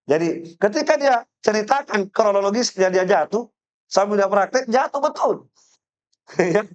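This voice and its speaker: A man's voice: high-pitched, animated, measured pace, highs cut off. A man from Indonesia teaching a religious study class. He tells a story, acts out the people in it, repeats key phrases and often checks with listeners whether they follow. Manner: storytelling, acts out quoted voices, asks listeners "paham?"; explanatory, repeats phrases for emphasis. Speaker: Islamic teacher.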